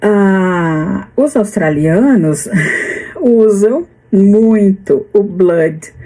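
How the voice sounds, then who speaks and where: A Brazilian woman in her fifties with a Brazilian Portuguese accent, talking slowly and hesitantly in a casual vlog, with many restarts. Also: lowish voice, warm tone, low-quality recording. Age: 50s. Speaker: vlogger.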